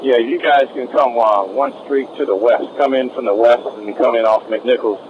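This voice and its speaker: A man commanding a fire scene as chief over two-way radio, giving urgent, terse orders with hesitant pauses. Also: mid-range voice, highs cut off. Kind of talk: urgent firefighter radio communication. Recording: noisy fireground radio transmission.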